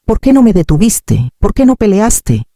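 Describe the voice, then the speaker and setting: A man's voice: high voice, big pitch swings, moderate pace, dark tone, no echo, studio quality, voice pushed up. A man voicing a defensive, pleading grown son in a narrated drama story.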